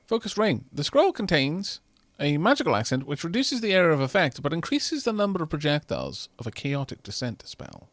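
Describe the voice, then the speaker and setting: A man's voice: fairly high pitch, huge pitch swings, brisk, hardly any pauses, fairly bright tone, no room sound. A man, streaming a game in casual commentary, reading game text aloud with wry muttered asides. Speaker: streamer playing a video game. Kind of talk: casual let's-play commentary.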